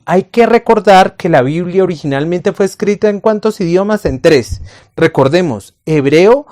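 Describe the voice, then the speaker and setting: A man with a high, darkish voice teaches a Bible lesson to the camera. He is patient, calls the listener his friend, asks rhetorical questions, and slows down on key phrases.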